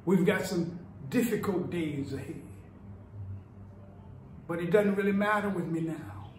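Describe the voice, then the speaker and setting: Older male actor, playing an oratorical preacher, deliberate pace, echoey small room with faint hiss. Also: sits high. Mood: impassioned. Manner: slow, oratorical, rising and falling delivery. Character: impassioned male civil rights preacher. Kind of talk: dramatic speech performance. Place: small indoor room, tiled wall.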